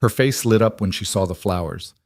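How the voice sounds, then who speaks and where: A man narrates a scripted story in a measured, even way. His voice sits low, and the close recording is dry with no room sound. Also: no echo.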